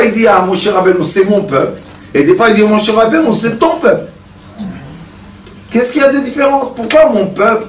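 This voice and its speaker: A man teaching Torah with a bright, high voice, lively and questioning as he tells stories. He sounds set back from the mic, in a reverberant hall with a faint hiss underneath. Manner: animated, rhetorical questions to the audience, big pitch swings. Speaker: rabbi teaching a Torah class. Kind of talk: Torah lecture with storytelling. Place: study center hall with a mixed audience. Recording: echoey room, distant mic, faint noise.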